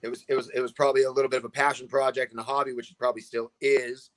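A man's voice: medium pitch, level tone, racing. A man, a guest on a video call, talking in a rambling way and often asking "you know what I mean". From Massachusetts. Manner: rambling, repeats 'you know what I mean'. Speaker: guest, combat sports promoter. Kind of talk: casual video call chat. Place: indoor room at home. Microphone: video call webcam.

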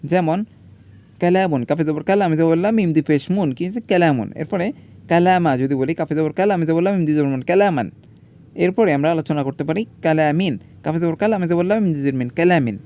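A man's voice: on the high side, fairly quick, dark tone. A man teaching a grammar lesson. He spells out letters and vowel marks one by one, then asks his own questions and answers them himself.

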